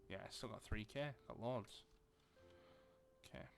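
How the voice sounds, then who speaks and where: Playing a building game, a gaming video creator from Lancashire mutters to himself and thinks aloud in casual commentary. The voice is low-ish, gravelly and unhurried, over soft background music.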